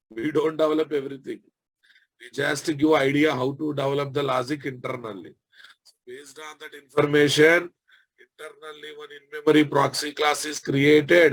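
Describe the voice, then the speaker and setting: A man with a Telugu Indian accent giving an informal technical lecture as a software instructor, repeating phrases and often checking with tag questions that listeners follow. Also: on the high side, rough recording.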